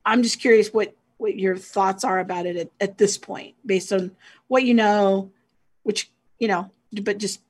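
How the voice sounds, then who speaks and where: A woman's voice: medium pitch, steady tone, measured pace, a little mellow. A woman hosting a casual discussion, steering the talk with questions and prompts. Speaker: host.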